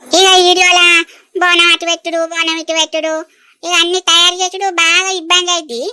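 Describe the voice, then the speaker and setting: A woman's voice: very high voice, level tone, a little fast, bright, forceful tone, no room sound, studio quality. A woman with a Telangana Telugu accent talking to viewers in a homely, affectionate village way, asking them to like the video. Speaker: channel host and village comedy performer. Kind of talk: casual sign-off to viewers.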